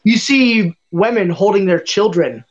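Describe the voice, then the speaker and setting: A man's voice: high voice, animated, unhurried. A young man running a tabletop game as game master, narrating hesitantly with many fillers, his voice warbling and glitching over an online call. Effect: glitchy, warbling online call audio. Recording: dull lo-fi call audio.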